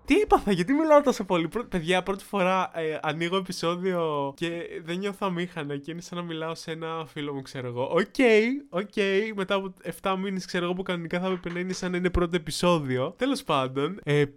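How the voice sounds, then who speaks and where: Young guy, animated vlog storyteller with a smooth, slightly high voice. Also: hardly any pauses. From Greece. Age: young adult. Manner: chatty and animated, jumping pitch when acting out quotes. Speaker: vlogger. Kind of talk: casual storytelling monologue.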